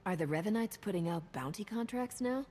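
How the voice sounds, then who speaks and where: An actress playing a confident, tough heroine in a video game, cool and self-assured with a dry delivery. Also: female voice, mid-range voice, lively intonation, a little fast, darkish tone, slightly rough. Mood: questioning. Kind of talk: cinematic video game acting.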